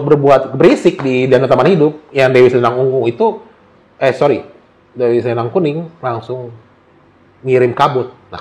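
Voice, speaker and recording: A man telling a story in casual conversation, acting out the dialogue. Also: mid-range voice. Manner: animated, acts out dialogue. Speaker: guest storyteller.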